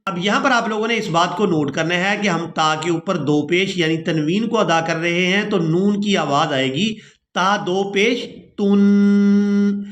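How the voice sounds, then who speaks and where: A man teaching Quran recitation, explaining each rule briskly and spelling out letters one by one. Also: sits high, fairly bright tone. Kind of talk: step-by-step recitation lesson. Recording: echoey room.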